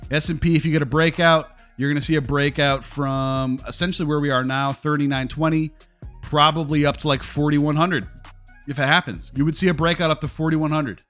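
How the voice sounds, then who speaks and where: A man with a slightly raised pitch talks through the markets in a casual live stream, blunt and given to swearing. He answers his viewers' chat comments as he goes. Soft music sits faintly in the background. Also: steady tone, fairly quick.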